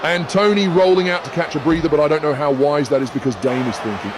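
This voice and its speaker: A man calling wrestling play-by-play, excitably naming each move as it lands. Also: fairly high pitch, fast talker. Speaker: play-by-play commentator. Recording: loud arena crowd and noise behind.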